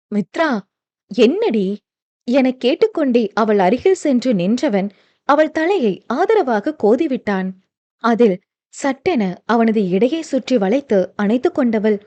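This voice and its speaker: A woman narrating an audio novel in a smooth storytelling voice. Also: fairly high pitch, darkish tone, highs cut off. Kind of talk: scripted narration.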